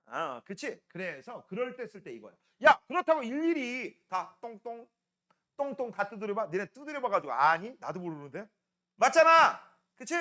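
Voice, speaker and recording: A middle-aged man teaching a middle school science class in a chatty way. He keeps asking his students quick questions and then answers them himself, and he now and then acts out playful voices for his jokes. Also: high voice, pushed and bright. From Korea. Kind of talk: classroom lecture.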